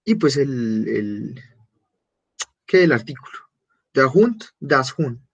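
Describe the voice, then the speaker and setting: A man teaching a beginner German class, patiently repeating German phrases slowly and clearly. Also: medium pitch, very animated, dull audio.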